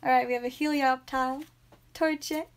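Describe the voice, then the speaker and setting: A young woman hosting a live stream from a small home room, chatting casually and naming each card aloud with bursts of excitement. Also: high voice, normal speed, a little hiss or hum. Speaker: live stream host opening card packs.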